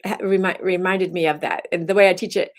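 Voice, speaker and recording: A woman's voice: lowish voice, fairly even intonation, fast talker. A woman instructor giving her daily message as rambling casual talk, often restarting her sentences. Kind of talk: casual self-recorded talk.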